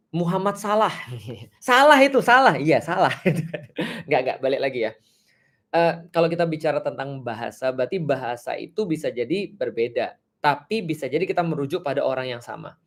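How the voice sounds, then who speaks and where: A man from Indonesia giving an animated explanatory talk in a religious discussion, acting out short exchanges and laughing at his own jokes. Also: medium pitch.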